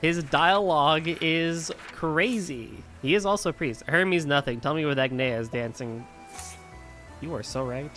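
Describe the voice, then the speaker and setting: A streamer giving casual, excitable live commentary on a game. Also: medium pitch, unhurried. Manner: excitable, reads game dialogue aloud playfully. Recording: game music behind.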